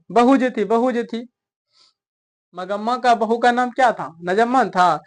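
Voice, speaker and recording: A man's voice: very high-pitched, fairly bright tone. A man teaching a story lesson, chatty and coaxing, constantly quizzing his listeners. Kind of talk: explaining a story in a recorded lesson.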